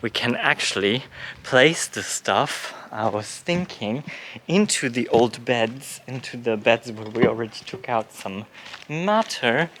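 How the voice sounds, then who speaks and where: A man in his late thirties chatting casually for a vlog, relaxed and often laughing, with many fillers, while showing around a barn and garden. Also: medium pitch, a little slow, slight background noise. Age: late 30s. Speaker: vlogger. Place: outdoors and in a barn on a rural property.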